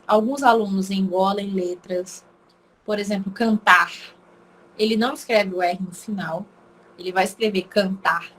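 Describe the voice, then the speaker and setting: A woman's voice: mid-range voice, low-quality recording. A Brazilian woman with an Acre accent teaching an informal online language lesson, chatty and emphatic, repeating words aloud to show how they are said. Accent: Brazilian Portuguese, Acre.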